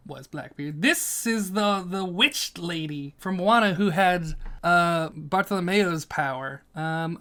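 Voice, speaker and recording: A YouTuber giving casual tier-list commentary, chatty and jokey, muttering to themselves and swearing now and then. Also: mid-range voice. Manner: swings between loud outbursts and quiet asides. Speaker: YouTuber ranking characters.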